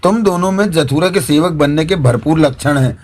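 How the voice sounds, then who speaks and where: A man's voice: fairly high pitch, moderate pace, darkish tone, lightly acted. A man voicing a stern, pompous male jinn who orders his slaves about. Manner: stern, commanding.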